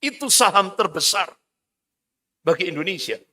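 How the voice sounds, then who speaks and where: A man's voice: high-pitched, expressive, moderate pace, sharp tone, big-room sound. A man preaching a sermon as an Islamic preacher, emphatic and declamatory, with Quranic recitation.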